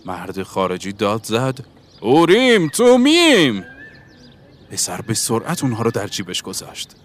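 A man narrating an audiobook in a calm, even reading voice. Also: lowish voice, a little hiss or hum.

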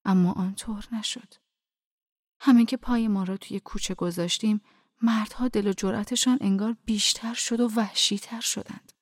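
Soft-spoken woman narrating an audiobook. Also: medium pitch, steady tone, dry recording, studio quality. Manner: soft, hushed, often whispering. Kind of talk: first-person audiobook narration.

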